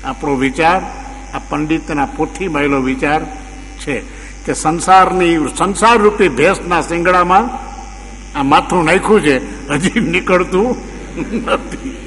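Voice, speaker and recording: A man's voice: a little high, unhurried, fairly bright tone. A man giving a religious discourse, full of rhetorical questions and emphatic repetitions. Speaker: spiritual preacher. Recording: long hall reverb, faint mains hum.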